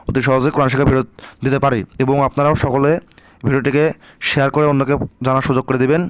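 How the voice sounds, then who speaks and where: A man's voice: mid-range voice, clean tone, no room sound. Man patiently teaching Arabic letter sounds. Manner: patient, repeats sounds slowly for practice. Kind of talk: informal recorded lesson.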